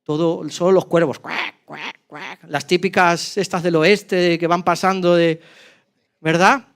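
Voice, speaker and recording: Animated high-voiced preacher. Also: male voice, measured pace, smooth. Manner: dramatic, animated, swings loud and soft. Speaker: pastor. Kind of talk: sermon storytelling. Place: church.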